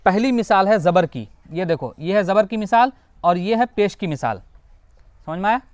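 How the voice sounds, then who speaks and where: A man teaches Quran pronunciation in a patient classroom manner. His voice sits fairly high. He keeps asking questions and answering them himself, and he drawls out example words slowly. The sound is dry, with no room echo. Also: animated. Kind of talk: classroom lesson.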